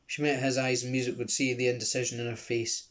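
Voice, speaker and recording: A man with a Glasgow accent reading a children's book aloud, expressive, with chatty asides. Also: mid-range voice, quick pace. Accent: Scottish (Glasgow).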